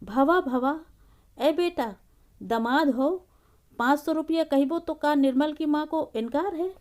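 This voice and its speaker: A woman's voice: sits high, slow pace, a little mellow. Narrator puts on a scheming old aunt in her sixties, wheedling over money. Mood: coaxing. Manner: coaxing, bargaining.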